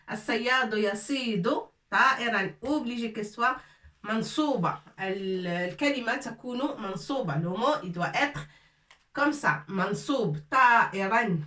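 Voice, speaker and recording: Slow, bright-voiced woman teaching a class. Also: on the high side, animated. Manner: slow, repetitive, drills words aloud. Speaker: Arabic teacher. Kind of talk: classroom grammar lesson. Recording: echoey room, voice from far off.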